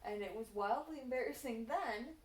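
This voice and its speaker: Rambling stoned young woman in an echoey room. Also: moderate pace. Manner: rambling, relaxed, tipsy-high stoner talk with frequent swearing. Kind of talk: casual chat, Q&A. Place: indoors, on a couch. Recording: echoey room, distant mic, faint noise.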